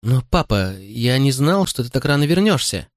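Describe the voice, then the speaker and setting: In this audiobook character voice, a man plays a frightened young boy pleading and crying to his harsh father. He speaks in a sing-song, mid-range tone lifted above his own pitch, at a moderate pace, recorded dry in studio quality.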